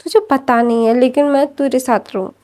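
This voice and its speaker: A woman's voice: high-pitched, steady tone, brisk, darkish tone, natural voice. A woman voicing a stubborn, doubtful young man who keeps questioning, in a storybook telling. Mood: sulky.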